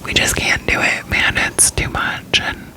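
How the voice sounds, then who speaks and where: A young American woman from Florida whispers an informal, unscripted ASMR ramble, breathy and up close to the microphone. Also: unhurried, poor audio. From Florida, United States. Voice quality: whispering throughout, breathy and unvoiced. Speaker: ASMR creator.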